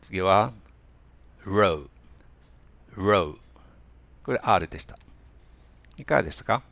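Low gravelly guy teaching pronunciation drills, slow, dry close mic. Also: expressive, dry recording. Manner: slow, careful drill reading, words louder than the talk.

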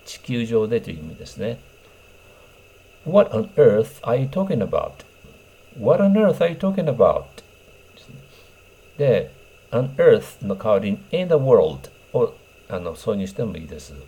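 A man teaching English phrases in a patient, explanatory way, pausing with fillers and repeating example sentences slowly. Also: on the low side, big pitch swings, dark tone, slightly rough, lo-fi sound. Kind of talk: explanatory language lesson.

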